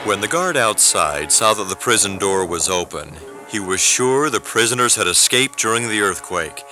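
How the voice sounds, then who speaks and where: A man narrating a scripted story in a steady storytelling manner. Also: fairly low pitch, normal speed, faint music behind.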